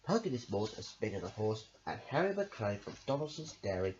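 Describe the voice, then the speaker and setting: Fairly low-pitched and darkish in tone, this man reads rhyming children's tales aloud at a fairly quick clip in a sing-song voice. As an amateur storybook reader, he keeps a rhythmic lilt and stretches the ends of phrases. Faint noise sits under a dull lo-fi recording.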